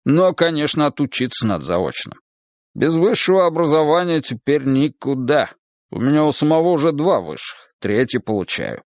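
A hearty, pushy, well-off man in an audiobook, talking up high and lively with a swagger, as a male narrator puts him on. The sound is dry and close, with no room behind it. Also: normal speed, dry recording. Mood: boisterous. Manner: hearty, pushy, higher and louder than the narration. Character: boisterous rich middle-aged man, brash friend.

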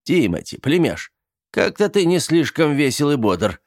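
A man's voice: on the high side, big pitch swings, a little slow, pitched above the performer's own voice. A man voicing a bearded uncle from a vampire family, hearty and demanding. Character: bearded older vampire uncle, brusque and jovial.

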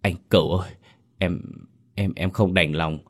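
A frightened young servant boy in a spoken ghost story, stammering and pleading in hushed tones, put on by a deep-voiced man. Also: fairly even intonation, a little slow. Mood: scared pleading. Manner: stammering, whispering. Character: timid young male servant, frightened and pitying.

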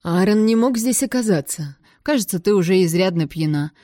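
A woman's voice: medium pitch, expressive, brisk, mellow, dry recording, clean studio sound, natural voice. A woman reading an audiobook, voicing a curt, exasperated young man who scolds sharply.

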